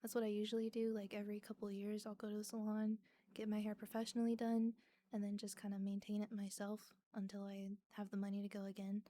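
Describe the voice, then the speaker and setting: A woman's voice: medium pitch, monotone, fast talker, warm tone, slight background noise. A woman live streaming from her apartment, chatting casually and self-deprecatingly with viewers between songs on a desk microphone. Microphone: desk microphone she can mute.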